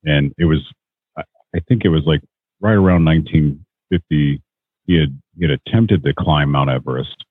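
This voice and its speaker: Deep, husky man on a call. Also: moderate pace, dry recording. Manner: earnest, exhorting. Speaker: podcast host. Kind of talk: motivational podcast talk. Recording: tinny phone-like call audio.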